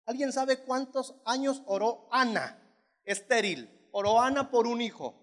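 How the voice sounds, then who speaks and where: A man's voice: very high-pitched, animated, measured pace, fairly bright tone. A male pastor preaching a sermon, emphatic and repetitive as he tells a story. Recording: long church hall reverb.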